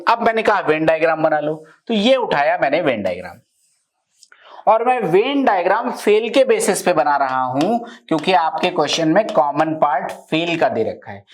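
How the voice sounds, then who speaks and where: Teaching maths live, this high-pitched male teacher walks through every step and keeps checking whether the class is keeping up.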